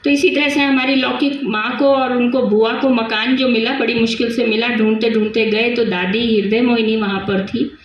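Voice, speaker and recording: An older woman from Delhi gives a personal spiritual testimony with a fairly high voice. She reminisces and repeats words as memories come back. The recording is very echoey and dull, with a faint hiss. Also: fairly even intonation, moderate pace. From Delhi, India. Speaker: Brahma Kumaris sister sharing her experience.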